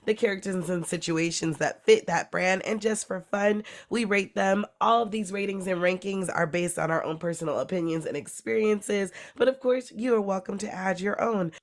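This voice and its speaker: A woman hosting a podcast from her bedroom, her voice congested from illness, chatty and laughing between lines. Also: mid-range voice. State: congested, sick voice. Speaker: podcast host. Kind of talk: casual podcast chat.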